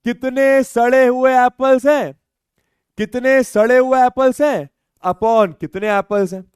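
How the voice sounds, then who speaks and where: A man's voice: very high-pitched, fairly even intonation, a little slow, darkish tone, clear, resonant tone, no room sound, studio quality. A man teaching maths in a live online class, joking and teasing his students and mixing in English phrases.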